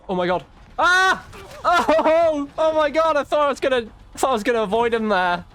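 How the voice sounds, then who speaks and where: His voice climbs to an extremely high pitch, very animated and a bit bright, though he speaks at normal speed. The YouTube host and streamer chats casually while playing, reacting to the game with slangy exclamations.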